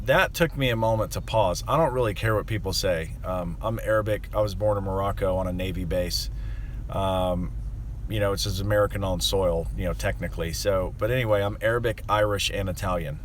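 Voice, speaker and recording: This young man, who owns a landscaping company, has a deep voice and grumbles at length to the camera. His casual talk is rambling, aggrieved, and thick with fillers, with a bit of hiss or hum behind it.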